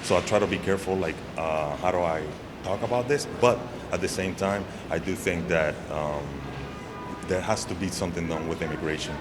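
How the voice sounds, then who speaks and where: A man's voice: low voice, brisk. A man from Venezuela answering a street interview, casual and thoughtful, hedging as he talks. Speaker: passerby. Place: outdoors on a city street. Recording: street noise behind.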